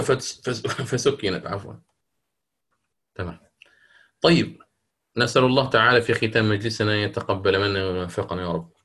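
A man's voice: lowish voice, a little fast, pauses often, a bit bright. Man teaching Quran recitation rules. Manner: explanatory, often asks "okay?" and corrects himself. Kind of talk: online lesson with students.

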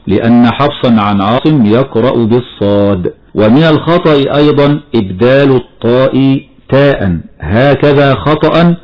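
A man teaching the rules of Quran recitation, explaining steadily and chanting slow example verses. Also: medium pitch, lo-fi sound. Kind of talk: tajweed lesson with recited examples.

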